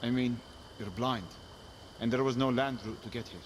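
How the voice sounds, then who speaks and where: A man's voice: medium pitch, normal speed, close to an everyday voice. Actor as serious male companion, noisy ambience. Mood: guarded. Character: guarded, practical male travelling protector.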